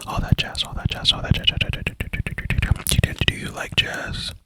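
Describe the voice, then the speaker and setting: A man whispering breathily in ASMR style, slowly repeating playful words and nonsense syllables.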